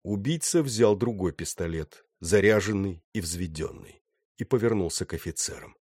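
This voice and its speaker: A man narrating a novel with steady, dramatic storytelling. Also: sits low, moderate pace, husky, dry recording, clean studio sound. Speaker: audiobook narrator. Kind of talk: scripted narration.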